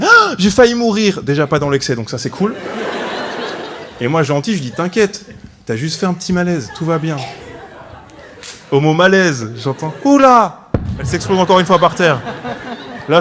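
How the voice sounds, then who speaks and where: Speaking at a medium pitch, this twenty-something man performs stand-up for a live audience, telling a story peppered with "ok?" asides. A slight hiss or hum sits under the recording.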